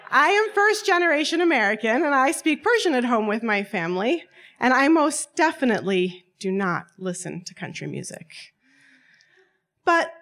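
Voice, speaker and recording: A woman in her twenties, her voice sitting high and at a normal speed, tells a personal story on stage to a live audience. She is lively and wry, often laughing through her lines.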